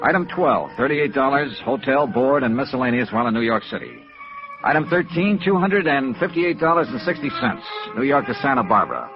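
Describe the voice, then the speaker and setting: With a sing-song lilt and a fairly quick pace, the American actor voices the 1950s radio noir's wry, tenacious freelance insurance investigator, both acting and narrating. His mid-range male delivery stays clipped, matter-of-fact, dry, and businesslike, with music on a dull vintage recording.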